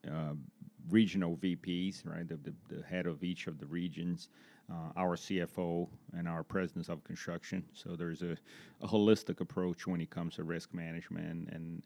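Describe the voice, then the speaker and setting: The recording is dry, capturing a deep, warm voice with vocal fry and a flat delivery at normal speed. He is a Portuguese-speaking Brazilian in his forties, accent intact, who works as a corporate safety executive and answers interview questions conversationally.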